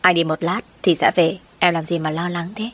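A woman voicing a curt, harsh young husband in a told story, with a fairly low voice. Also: steady tone, fairly quick, lightly acted.

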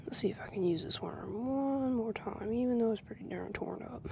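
A man's voice: very high-pitched, normal speed, gravelly. A young man talking to himself as he fishes from a kayak on a lake, often in half-whispered asides, recorded on a head-mounted action camera outdoors. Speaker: angler vlogging from a kayak. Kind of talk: casual fishing commentary. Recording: outdoor action-camera audio with loud background noise.

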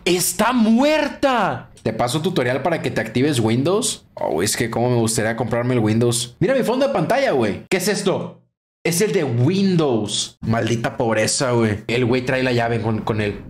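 A man's voice: mid-range voice, expressive, normal speed, breathy edge. A young man with a Mexican Spanish accent, commenting on a horror game as he plays, swearing and shrieking when scared. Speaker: gaming streamer. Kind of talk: let's play commentary.

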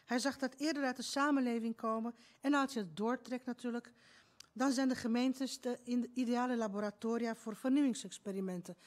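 A woman in her fifties from Romania, giving a prepared speech from a stage with measured, literary storytelling. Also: a little high, steady tone. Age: 50s. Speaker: speaker at a book event. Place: stage in an event hall.

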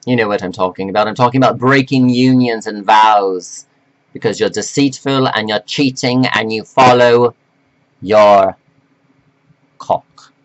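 A man delivering a slow, preachy, scolding monologue to men, reading from notes with sudden jumps in pitch. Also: lo-fi sound. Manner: reads from notes. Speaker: self-styled life coach addressing men. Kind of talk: lecturing monologue to camera.

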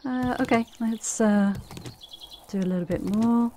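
A woman's voice: a little high, measured pace, mellow, a little hiss or hum. A woman giving casual let's-play commentary, chatty and thinking aloud with dry little asides.

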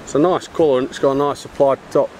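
Talking fast in a slightly mellow, medium-pitched voice with fairly even intonation, a middle-aged amateur bottle digger shows his finds. His chat is casual and blunt, recorded at a wooded dig site on a handheld camera microphone that catches clear outdoor background noise.

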